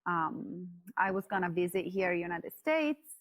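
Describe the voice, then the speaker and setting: A woman's voice: fairly low pitch, lively intonation, measured pace. A woman in her thirties with an Italian accent, a guest on a podcast who talks hesitantly with many fillers and restarts and laughs often. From Italy. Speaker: guest, coach. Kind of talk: casual podcast interview. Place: yurt at home.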